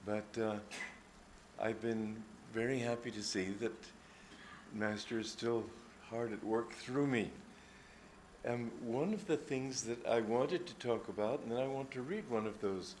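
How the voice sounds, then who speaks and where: A man's voice: medium pitch, measured pace, darkish tone, a little hiss or hum. An older man, a spiritual teacher, giving an informal, reflective talk with anecdotes and frequent hesitations. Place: gathering hall.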